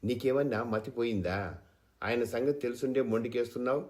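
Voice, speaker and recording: A man's voice: fairly low pitch, moderate pace, lightly acted. A man voicing a pragmatic middleman friend who scolds and persuades. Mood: scolding.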